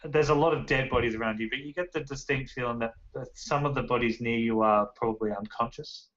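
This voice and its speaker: A man's voice: medium pitch, fast talker, fairly bright tone. A man narrating a tabletop game as game master, describing scenes in a loose, rambling way full of fillers. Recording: muffled lo-fi recording.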